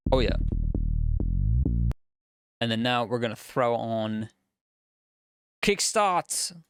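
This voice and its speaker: Relaxed man explaining in a dry studio. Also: mid-range voice, slow pace, clean tone, no echo, faint music behind. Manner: relaxed, chatty, explains as he works. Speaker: music producer. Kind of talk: casual studio tutorial. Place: music studio.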